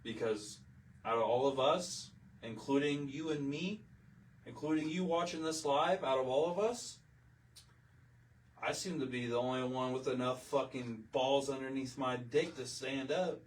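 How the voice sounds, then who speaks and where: A man hosts a livestream in a heated, emotional rant, hammering the same phrases again and again and swearing freely. His voice sits at an ordinary pitch for a man. The voice is picked up from a little way back from the microphone. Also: measured pace, far from the mic, rough recording. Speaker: livestream host. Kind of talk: impassioned political livestream rant.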